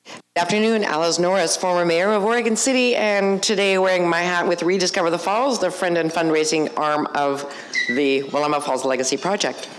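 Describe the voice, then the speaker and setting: A woman's voice: on the low side, fairly even intonation, fairly quick, a little hiss or hum. Older woman, former mayor, formal intro, echoey hall sound. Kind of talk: self-introduction at a meeting.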